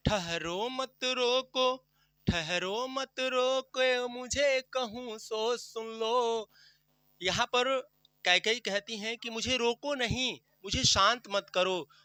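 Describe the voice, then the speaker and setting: Teaching a class, a man with a high, very bright voice goes through a poem line by line, reciting the verse slowly and drawn out. He repeatedly poses questions and answers them himself. The audio is dry and close, without room echo.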